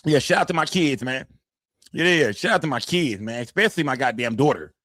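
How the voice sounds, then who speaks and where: On a live stream, a man in his forties chats quickly and casually, reading the chat aloud in a loose, profane way and repeating phrases with tags like "man" and "fam." His mid-range male voice is expressive and fairly bright. The recording is close and dry, with almost no room sound.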